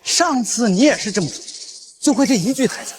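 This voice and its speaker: An actor playing a cocky, unflappable hero in a fantasy drama, taunting in a nonchalant way. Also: male voice, very high voice, expressive, brisk. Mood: dismissive. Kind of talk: Chinese fantasy short-drama acting.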